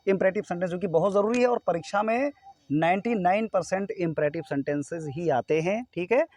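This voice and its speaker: A man's voice: high-pitched, brisk, darkish tone. A man from India teaching a grammar lesson to students, explaining step by step and often checking that they follow.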